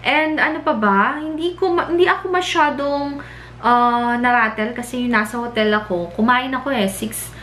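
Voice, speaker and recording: A woman's voice: on the high side, normal speed, a bit bright, echoey room, a little hiss or hum. A young woman with a Filipino accent tells a story in a casual vlog. She mixes Tagalog and English and laughs often as she talks. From Philippines. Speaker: vlogger.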